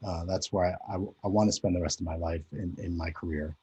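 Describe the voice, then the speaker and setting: A Japanese-raised man in his forties gives a conference presentation over a video call, hesitant and conversational with many fillers. His deep voice is steady, quick and dark, and the lo-fi call mic adds a little hiss or hum.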